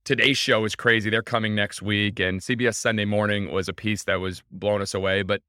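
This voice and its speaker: A man's voice: lowish voice, level tone, brisk, sharp tone, smooth, no echo, studio quality. A man being interviewed as a baseball team owner, telling his story with enthusiasm and emphasis. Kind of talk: energetic interview talk.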